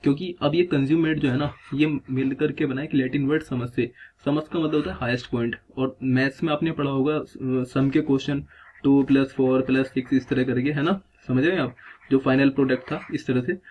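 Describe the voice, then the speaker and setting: A man's voice: mid-range voice, steady tone, fairly quick, darkish tone. A man teaching a vocabulary lesson, explaining word by word and asking himself questions as he goes. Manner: repeats "theek hai" and asks himself questions as he explains. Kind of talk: explanatory lesson in Hindi mixed with English terms.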